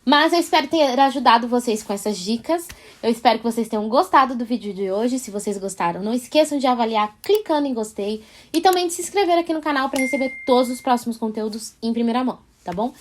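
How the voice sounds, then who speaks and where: High-voiced Brazilian woman giving parenting tips. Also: quick pace, hardly any pauses, slight background noise. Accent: Brazilian Portuguese, São Paulo. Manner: friendly, explanatory, tag questions like "né" and "tá". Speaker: parenting vlogger. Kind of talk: casual advice vlog.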